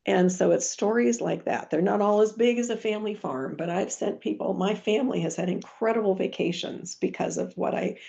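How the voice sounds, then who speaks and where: A woman's voice: lowish voice, gravelly, highs cut off. A middle-aged woman on a video call, telling earnest stories of her business and team, with frequent restarts. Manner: warm anecdotal, earnest, many restarts. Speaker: guest speaker, team leader. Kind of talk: motivational storytelling on a team call.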